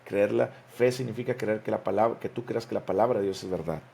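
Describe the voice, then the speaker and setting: A man's voice: on the low side, steady tone, fast talker, vocal fry, darkish tone, slightly rough. Emphatic preaching man. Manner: emphatic, rising to stress key phrases; asks the listener questions often. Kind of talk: sermon.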